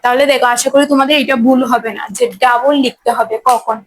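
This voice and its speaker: A woman's voice: on the high side, steady tone, fast, rough recording. A woman teaching English grammar in a class, explaining step by step and checking often whether her students follow. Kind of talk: classroom lesson at a board.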